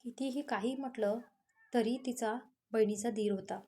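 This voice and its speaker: A woman narrating a romantic story, reading in a steady, even way. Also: fairly high pitch, moderate pace.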